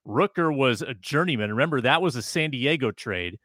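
A man's voice: mid-range voice, lively intonation, brisk, fairly bright tone, dry recording, clean studio sound. A man hosting a sports podcast in a conversational way, in short casual phrases. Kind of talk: casual sports talk and conversational host-read ads.

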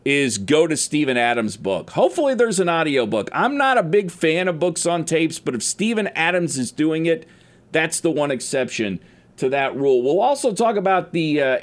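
A man talks through his solo sports podcast in a loose, rambling way, now and then tripping over a word and starting again. His voice sits a little on the high side for a man. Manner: casual, rambling, admits stumbling over words. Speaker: podcast host.

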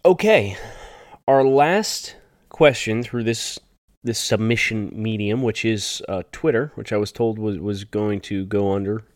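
A man with a lowish voice hosts a sports podcast. He works through listener questions with conversational analysis, in a dry recording free of room sound. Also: measured pace, dry recording. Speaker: podcast host.

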